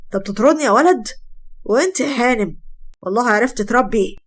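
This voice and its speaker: A woman voicing an indignant, scolding old father in an Egyptian Arabic accent, loud and accusing. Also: on the high side, expressive, fast talker.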